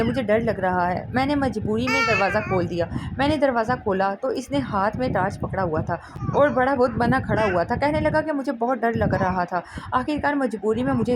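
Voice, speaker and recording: A fairly high-voiced woman tells a first-person story in a dramatic, emotional way. A steady hiss of background noise sits under her narration.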